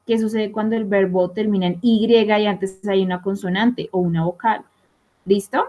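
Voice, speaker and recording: A young adult woman teaching English grammar in an online class, explaining step by step and often pausing to ask her students whether they follow. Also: medium pitch, fairly even intonation, warm tone. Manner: explanatory, asks rhetorical checks like "¿listo?" and "¿sí?".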